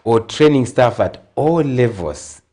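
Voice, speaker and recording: Here a middle-aged man with a Zambian accent talks slowly at medium pitch while being interviewed on TV as a guest consultant. He is earnest, and his delivery gets more emphatic and animated.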